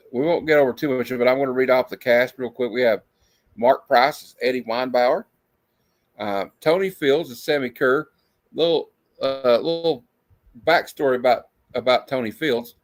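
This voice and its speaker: A man hosting a horror movie show in a casual horror-host manner, chatting loosely as on a livestream. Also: medium pitch.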